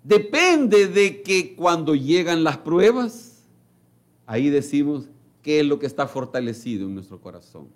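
A man delivers a sermon in a high voice that leaps up and down. He speaks slowly and emphatically, his volume rising and falling sharply, and he slips into the voices of the people in his examples. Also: expressive. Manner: emphatic, with big swings in pitch and loudness. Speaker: preacher.

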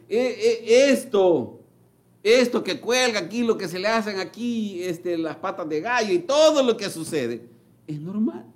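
A man delivers a sermon in a high voice that leaps up and down. He speaks slowly and emphatically, his volume rising and falling sharply, and he slips into the voices of the people in his examples. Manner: emphatic, with big swings in pitch and loudness. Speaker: preacher.

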